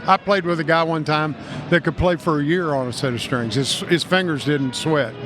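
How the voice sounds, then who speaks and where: An older Kentucky man who owns a music store is a guest in a casual trade-show interview, talking at a moderate pace in a fairly high voice against a noisy background. He rambles enthusiastically in a folksy, salesman-like way.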